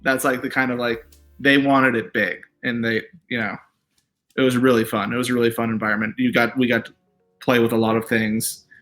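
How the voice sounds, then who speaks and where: Bright-voiced man chatting loosely. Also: mid-range voice, brisk, soft background music. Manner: relaxed, rambling, many fillers and "like"s. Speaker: TV writer guest. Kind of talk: casual interview chat.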